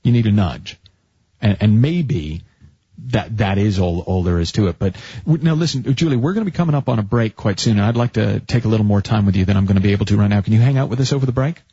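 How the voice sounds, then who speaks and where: A man's voice: on the low side, quick pace, warm tone, slightly rough, no echo, lo-fi sound. A man hosting a call-in radio advice show, talking in a chatty, coaching way and often restarting his sentences. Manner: chatty, self-interrupting, coaching tone. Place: radio studio.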